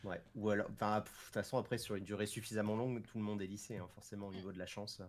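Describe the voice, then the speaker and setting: Relaxed man explaining with fillers. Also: fairly low pitch, racing, slight background noise. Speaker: developer of a role-playing tool. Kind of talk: casual interview chat.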